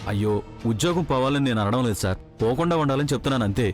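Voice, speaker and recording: Deferential constable, played by a man; steady mid pitch, pleading, score under. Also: racing, lightly acted. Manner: pleading, respectful. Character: anxious deferential male police constable. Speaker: police constable. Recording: TV serial with background music.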